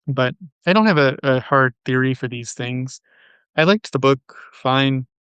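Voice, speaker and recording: A man with a smooth, resonant voice at an ordinary pitch reads poetry aloud at a measured pace. Between poems he thinks aloud, hesitant and full of fillers. The recording is dry and close, with no room echo. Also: a bit bright, dull audio. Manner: measured, unhurried poem reading. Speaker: poetry channel host. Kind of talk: poetry reading and casual discussion.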